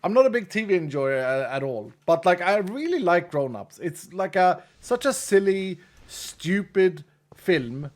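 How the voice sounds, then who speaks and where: High-pitched and animated, he keeps a measured pace with few pauses. He is a Swedish-born native Swedish speaker with a Swedish accent, talking in a slightly raised voice as he games, reads chat, chats loosely with viewers, laughs at himself, and frequently leaves sentences hanging.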